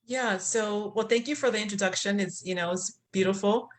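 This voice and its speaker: A woman's voice: medium pitch, moderate pace. A woman from Liberia, a podcast guest, telling a spiritual story in a reflective way with many fillers. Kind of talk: conversational interview.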